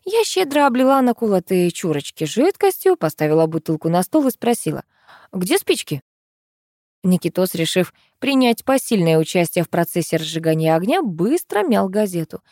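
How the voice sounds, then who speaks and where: Woman, audiobook narrator, lively dramatic reading, dry close studio sound. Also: lowish voice, brisk, hardly any pauses, dry recording. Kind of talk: expressive first-person audiobook reading.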